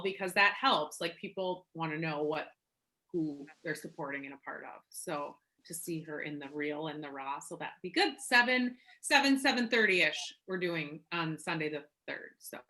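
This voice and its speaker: A woman leading a casual team call, chatty and excitable, rambling from one story to the next. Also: fairly low pitch, poor audio. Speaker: team leader.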